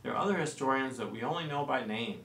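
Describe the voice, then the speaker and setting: A man in his forties explaining early church history in a studio discussion, relaxed and full of fillers and restarts. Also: mid-range voice, quick pace. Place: small studio set with lamp and plants. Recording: roomy and distant-sounding with faint noise.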